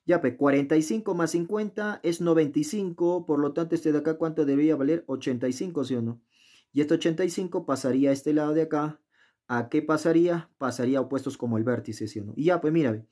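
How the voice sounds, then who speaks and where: This tutor talks fast in a dark voice that sits a little high, solving geometry in a casual, chatty lesson. He frequently asks the viewer questions and talks to himself along the way, with the worksheet filmed from above at his indoor desk.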